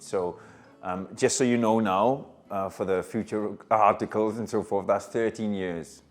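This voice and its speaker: A man in his thirties with a South Wales Valleys accent, chatting casually and teasingly in an interview. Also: fairly low pitch. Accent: South Wales Valleys Welsh. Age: 30s. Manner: jokey, teasing. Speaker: body transformation coach.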